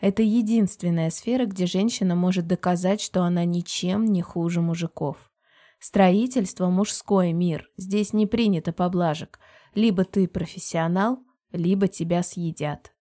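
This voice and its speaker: A woman performing a tough, commanding middle-aged aunt who runs a business. She talks in a firm, brisk, no-nonsense way, with a mellow, dark tone, like an audiobook character. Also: on the low side, steady tone, lightly acted. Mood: assertive. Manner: firm, brisk, matter-of-fact.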